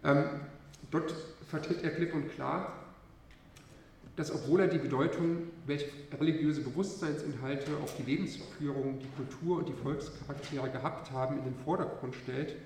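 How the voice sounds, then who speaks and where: A male university lecturer who has a cold gives an academic lecture, hesitant and full of filler sounds. His voice is fairly high and darkish, evenly intoned, at normal speed. It is recorded from far off in an echoey lecture hall with slight background noise.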